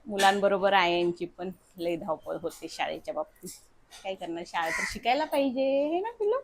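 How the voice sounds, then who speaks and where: A woman's voice: lowish voice, moderate pace, noisy background. A young woman, chatting casually through a family vlog at home and coaxing her child along. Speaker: vlogger and mother.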